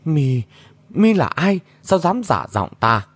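A man voicing an imperious female martial-arts sorceress who barks commands and shouted questions. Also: mid-range voice, sing-song, normal speed, breathy edge, dry recording. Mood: angry demanding.

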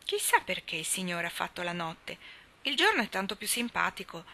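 A woman voicing a bold, impatient and imaginative little girl in a storybook reading, bossy and quick-tempered. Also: on the low side, big pitch swings, pushed and bright, a little hiss or hum, heavily acted.

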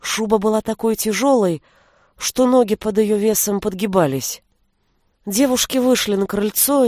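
A woman narrating an audiobook in a steady, even storytelling voice. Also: medium pitch, no echo, clean studio sound. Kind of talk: scripted narration.

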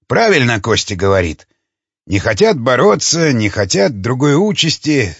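A man voicing a cynical, sneering male fighter with a husky voice. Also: medium pitch, very animated, moderate pace, dry recording. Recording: dull lo-fi recording.

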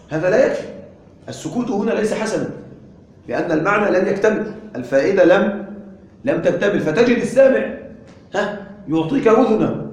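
A man with a fairly high voice gives a grammar lesson, his words ringing through a very echoey room. He talks in a lively, animated way and keeps turning to the class with questions to check that they follow. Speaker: Arabic grammar teacher. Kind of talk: classroom lecture.

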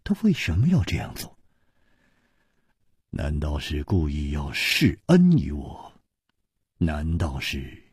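A man voicing a calm, thoughtful male hero who speaks quietly and in measured phrases. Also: extremely low pitch, husky, dry recording, clean studio sound, voice pushed down, full character voice. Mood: pensive.

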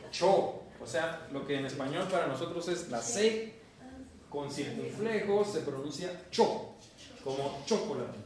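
A man from northern Mexico with a northern Mexican accent, teaching a class, joking and calling on students by name while repeating sounds slowly. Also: on the high side, distant mic. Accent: northern Mexican Spanish. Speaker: Esperanto teacher. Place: university classroom. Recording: very echoey classroom taped from afar.

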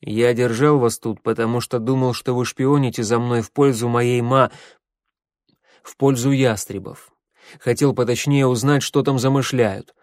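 A man's voice: mid-range voice, fairly even intonation, normal speed, darkish tone, no echo, clean studio sound, natural voice. A man voicing a cold, haughty young ruler in an audiobook, curt and sneering. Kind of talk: audiobook character voice.

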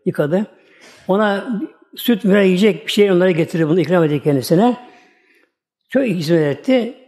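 A man's voice: sits high, moderate pace, a little mellow. A man, a religious teacher, giving a storytelling religious talk in a folksy, repetitive way.

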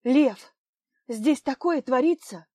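A woman's voice: a little high, moderate pace, a little mellow, no echo, voice pushed up, natural voice. A woman reading a determined female studio owner, her lines urgent and indignant. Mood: agitated.

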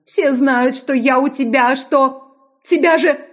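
A woman's voice: high-pitched, steady tone, slow pace, pitched above the performer's own voice. A woman voicing a terrified young noblewoman who begs tearfully for her life. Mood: pleading. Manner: pleading, tearful and breathless.

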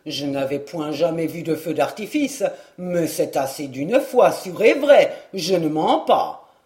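A reader voicing a bold, boastful peasant lad in an audiobook, speaking in rough country dialect with loud exclamations. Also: medium pitch, expressive, a little slow, voice pushed down, close to an everyday voice. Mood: loud rustic. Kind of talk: audiobook reading.

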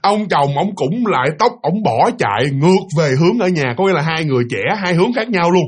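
A man's voice: on the high side, expressive, fairly quick, slightly rough. A man with a Southern Vietnamese accent telling a ghost story in a chatty, repetitive way with asides to the listener. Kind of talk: casual spoken ghost story.

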